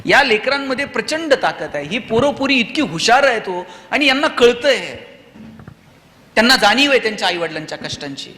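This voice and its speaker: Man, Marathi accent, motivational speaker, high voice, rhetorical questions, long hall echo. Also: brisk. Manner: rhetorical questions, animated storytelling. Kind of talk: motivational speech to students. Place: auditorium. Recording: reverberant hall.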